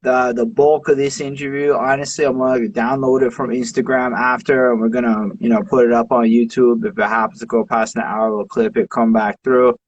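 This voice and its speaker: A man hosting a livestream interview, talking easygoing and loose with casual slang. His voice is mid-pitched and dry, but he sits back from the microphone, so it sounds a little distant. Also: flat delivery, fairly quick, hardly any pauses, dry recording, lo-fi sound. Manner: easygoing, slang like "real dope". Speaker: interview host.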